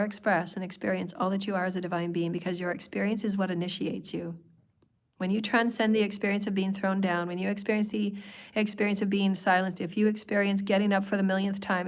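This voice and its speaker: Hoarse from a cold, a medium-pitched woman hosts a spiritual livestream through a livestream microphone. She talks in long, flowing strings of repeated phrases.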